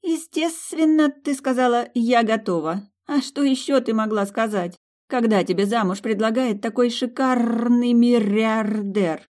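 A woman's voice: on the high side, a little slow, pitched above the performer's own voice, natural voice. A woman voicing a giddy scatterbrained girlfriend. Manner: excited, stumbles over long words.

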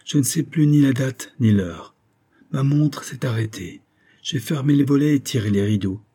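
A man's voice: mid-range voice, moderate pace, dark tone, breathy edge, pitched above the performer's own voice. A man reading an audiobook, voicing a haggard male recluse who is convinced he is haunted and speaks with feverish dread. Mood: fearful.

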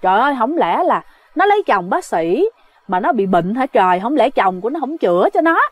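A woman voicing a worried woman who argues fast with a close friend. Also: a little high, sing-song, no room sound. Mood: worried musing. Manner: exasperated, talking fast.

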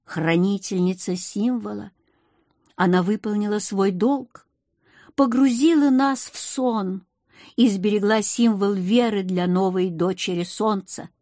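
A reverent male cat-headed alien speaks with a solemn storytelling tone, as a woman reads him in an audiobook. His voice sits a touch higher and slower than plain narration. The recording is dry and close. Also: darkish tone, no room sound. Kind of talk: audiobook character voice.

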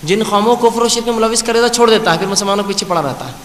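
A man preaching a sermon, slowly reciting scripture and then explaining it with repeated phrases. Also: high-pitched, a bit bright. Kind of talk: Urdu sermon with Quranic recitation. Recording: echoey hall with faint hiss.

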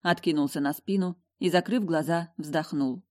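A woman's voice: sits low, normal speed, a little mellow. Woman narrating a fantasy audiobook. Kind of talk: first-person audiobook narration.

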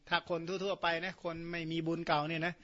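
A man's voice: high-pitched, flat delivery, brisk, sharp tone, lo-fi sound. A man, a Buddhist monk whose first language is Khmer, giving a dharma talk that retells scripture with casual spoken asides. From Surin, Thailand. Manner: explains terms, adds colloquial asides and tag particles.

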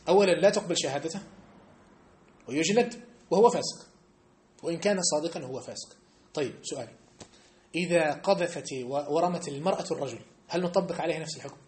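A man giving a mosque study-circle lesson, animated and emphatic, often checking that his listeners understand. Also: high voice. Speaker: religious teacher. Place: mosque hall.

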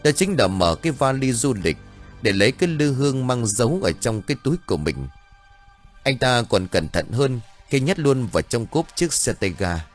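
A man narrating an audiobook story in a dramatic, expressive way. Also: mid-range voice.

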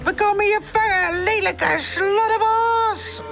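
Charlie, a woman doing a squeaky eager puppy boy. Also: takes it slowly, gravelly, faint music behind, exaggerated voice. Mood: excited. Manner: excited, shouty, squeaky. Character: eager young male puppy nephew, bold and bouncy.

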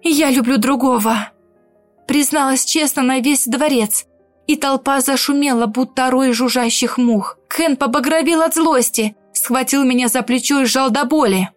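A woman reading a first-person fantasy romance audiobook in an expressive, emotional way. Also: high voice, normal speed, no room sound, soft background music. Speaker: audiobook narrator. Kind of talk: first-person scripted narration.

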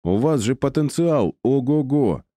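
A man's voice: mid-range voice, no room sound, voice pushed up, close to an everyday voice. Man doing a cheeky young clerk, raised voice, wheedling, talks his way out, audiobook. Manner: flattering, wheedling, quick to bargain. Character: cheeky young male office clerk, glib talker.

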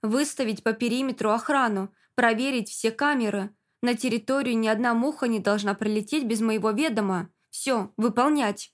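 A woman's voice: fairly high pitch, moderate pace, hardly any pauses, lightly acted. A woman reading an audiobook, voicing a stern, commanding man who gives curt, barked orders.

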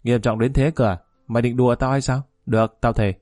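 A man's voice: mid-range voice, fairly even intonation, fairly quick, a little mellow, dry recording, studio quality, faint music behind, close to an everyday voice. A man voicing a shrewd, bullying middle-aged male security chief who talks bluntly and gives orders. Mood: gruff.

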